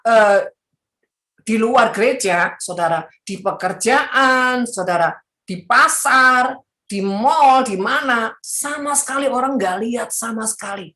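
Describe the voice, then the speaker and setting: A woman evangelist preaching a sermon in a lively, animated way, often mocking the people she quotes with playful asides. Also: fairly high pitch. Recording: echoey room.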